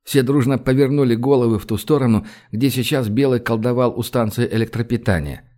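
A man narrating an audiobook in a measured, even storytelling voice, shifting his pitch for the characters' dialogue.

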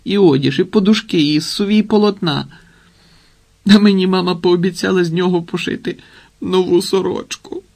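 A man's voice: high voice, steady tone, moderate pace, creaky, darkish tone, voice pushed up. A man voicing a frightened, tearful peasant boy in a storybook reading. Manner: sobbing, plaintive.

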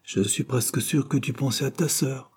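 A man's voice: mid-range voice, steady tone, moderate pace, dark tone, breathy edge, pitched above the performer's own voice, natural voice. A man reading a novel aloud, voicing a chatty young girl who blurts things out in a raised voice. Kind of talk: audiobook character voice.

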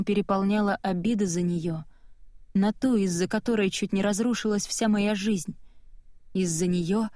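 An audiobook narrator, a woman with a mid-range voice, reads a first-person novel aloud in a steady, measured manner. The scripted narration is captured dry, with clean studio sound.

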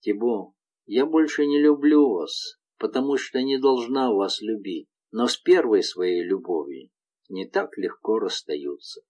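A man reading aloud voices a frightened, gentle young village woman in a tender, pleading manner. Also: on the low side, measured pace.

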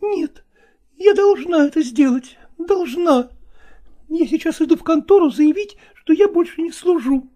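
A woman's voice: very high-pitched, animated, unhurried, dark tone. A woman voicing a stubborn young novice actress in an audiobook drama, insistent and pleading.

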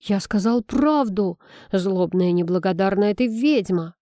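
A woman's voice: mid-range voice, a little slow, warm tone, dry recording, clean studio sound, close to an everyday voice. A woman voicing a plump, melodramatic male magic chipmunk who squeals, whines and huffs. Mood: indignant. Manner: squealing, whiny and huffy.

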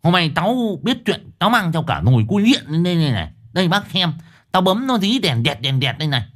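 A man's voice: fairly high pitch, big pitch swings, a little fast, voice pushed up. Man doing a cocky, swaggering young guard. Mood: boastful. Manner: cocky, boastful, loud.

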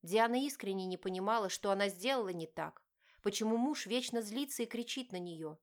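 A woman reading a romance novel aloud in steady, expressive scripted narration. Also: mid-range voice, fairly quick. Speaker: audiobook narrator.

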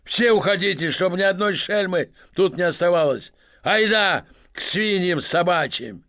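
A man's voice: a little high, normal speed, pitched above the performer's own voice, close to an everyday voice. A man voicing a drunk, boorish masked millionaire who bellows and mocks everyone in a storybook reading. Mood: bullying. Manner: bellowing, mocking, swaggering.

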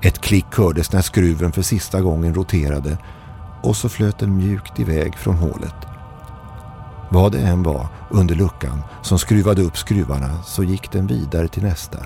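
A man reading a scripted first-person horror story in a tense, measured way. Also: sits low, vocal fry, warm tone. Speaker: horror podcast narrator. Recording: faint music bed behind.

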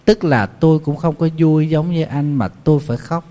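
A man, a Buddhist monk giving a lively sermon and telling folk stories with playful asides. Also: on the high side, moderate pace. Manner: lively, jokey, acts out animal voices in the story.

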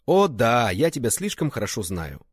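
An earnest, protective young man speaks with insistent force, his voice lifted above the reader's own. A man reads him aloud in a storybook reading, the tone husky and a little breathy. The recording is dry and close. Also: medium pitch, very animated, normal speed, no room sound.

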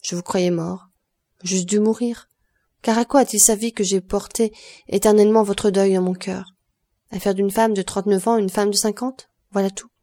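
A woman's voice: medium pitch, fairly even intonation, moderate pace, mellow, natural voice. A woman reading the part of a grieving woman near forty who speaks in sorrowful, self-accusing pleas. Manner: sorrowful, pleading. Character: grieving woman of thirty-nine, broken by guilt.

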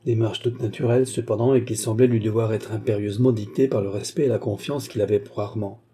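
A man narrating a novel aloud, reading in a measured, steady way. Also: fairly low pitch, breathy edge. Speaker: audiobook narrator.

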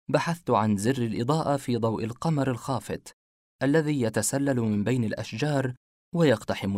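A man narrating a horror mystery story in a measured, suspenseful reading. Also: mid-range voice, a little mellow, dry recording, clean studio sound.

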